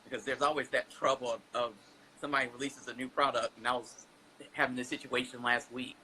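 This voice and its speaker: A man's voice: medium pitch, little pitch movement, fairly quick, bright, forceful tone, a little hiss or hum, poor audio. A man hosting an online interview show, asking questions in a chatty, curious way. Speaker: host.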